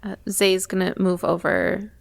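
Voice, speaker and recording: A woman's voice: mid-range voice, level tone, measured pace, gravelly. A woman chatting casually as a tabletop game player.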